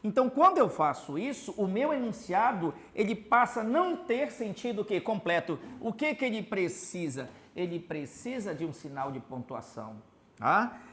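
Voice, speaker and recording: Writing examples on a board, this Portuguese grammar teacher from Belém, Pará, Brazil, speaks with a Paraense accent and constantly tags lines with "tá?" and poses rhetorical questions. His voice is high-pitched, sing-song and fairly bright, at a moderate pace, with slight background noise.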